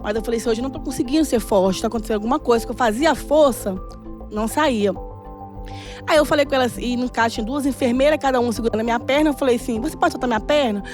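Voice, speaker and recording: A middle-aged woman telling a personal testimony in a casual, animated way and acting out the dialogue. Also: sits high. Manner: animated, laughing often, acts out dialogue. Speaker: church guest sharing a testimony.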